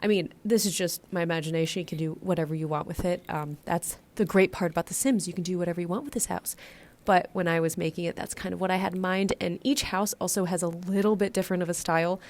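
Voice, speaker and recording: A woman's voice: lowish voice, steady tone, fast talker, darkish tone. An American woman with a congested, blocked-nose sound, a little short of breath, giving a chatty, casual voiceover commentary. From United States. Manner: chatty, rambling. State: getting over bronchitis, stuffed nose, short of breath. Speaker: gaming video creator.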